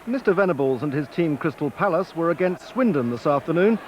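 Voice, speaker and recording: A male news reporter giving a scripted report in a measured, formal way, heard from a worn VHS tape copy. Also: a little high, animated, lo-fi sound, noisy background.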